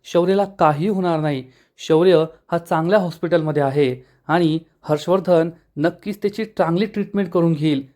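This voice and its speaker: A man voicing a caring, protective mother who gently soothes her upset daughter. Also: high voice, lightly acted.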